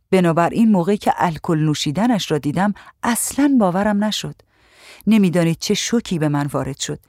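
An audiobook narrator reading a memoir in the first person with steady, somber delivery. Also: mid-range voice, no room sound, clean studio sound.

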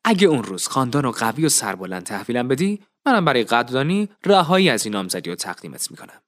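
A man voicing an earnest, calm young nobleman pleading his case with determination. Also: mid-range voice, natural voice.

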